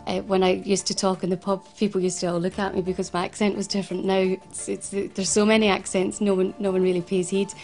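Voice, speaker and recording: In an interview about her own experience, a Glasgow-accented woman who set up a financial advice service speaks earnestly but haltingly, stumbling over and repeating her words. Her mid-range voice keeps a level tone with little rise and fall, and soft music plays faintly underneath.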